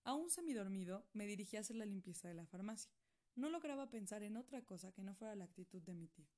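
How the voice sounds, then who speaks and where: A woman reading a first-person novel aloud in steady, plain storytelling. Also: medium pitch, fast talker. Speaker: audiobook reader. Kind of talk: first-person audiobook narration.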